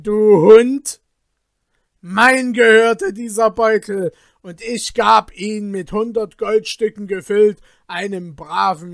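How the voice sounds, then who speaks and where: A proud old grand vizier from a storybook, bellowing his outrage slowly against a dry close mic, as a man reads him out. Loud and indignant, a touch higher than the reader's own voice. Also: no room sound.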